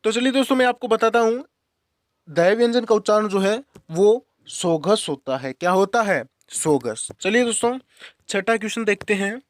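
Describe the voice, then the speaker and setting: A man's voice: high-pitched, animated, moderate pace, no room sound, studio quality. A young man teaching Hindi grammar as a quiz, casually repeating each question and answer to drill it in. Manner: casual, addresses viewers as friends and brother. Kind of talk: quiz-style exam-prep lesson.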